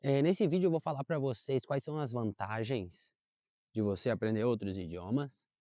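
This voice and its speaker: This is a casual park vlog from a young adult man whose native language is Portuguese, rambling to camera with plenty of fillers and self-corrections. His voice is medium-pitched and dark, at a normal speed. It's a dry, studio-quality recording.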